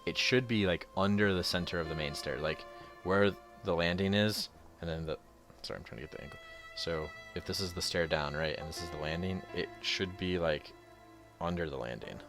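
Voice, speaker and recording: A man narrates a tabletop game as its game master. His voice is very deep, and he explains scenes casually, feeling his way through them. Faint music plays behind him. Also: brisk. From United States.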